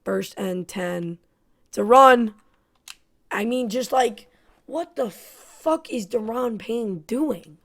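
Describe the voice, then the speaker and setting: A woman's voice: fairly high pitch, slow. A woman giving play-by-play commentary on her own football video game, frustrated and self-critical. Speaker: gaming YouTuber.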